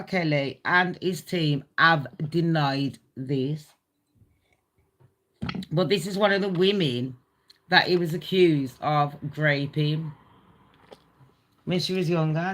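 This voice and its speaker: A woman hosting a live celebrity gossip stream, casual, blunt and sweary, talking straight to her viewers. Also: low voice. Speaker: gossip channel host.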